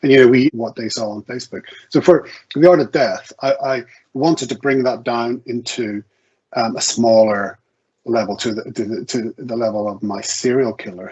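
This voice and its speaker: In an online video event interview, a man speaking as a guest author uses a medium-pitched, darkish, slightly rough voice at a moderate pace. His talk is conversational, hesitant and self-correcting, full of stammering restarts as he thinks aloud. The online call audio sounds muffled and lo-fi.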